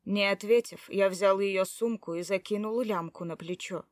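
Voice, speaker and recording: A woman's voice: medium pitch, normal speed, dry recording, close to an everyday voice. A woman reads a hot-tempered, protective man telling his own story in an audiobook. The delivery is brusque, with curses muttered under the breath. The sound is dry and close. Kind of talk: first-person audiobook narration.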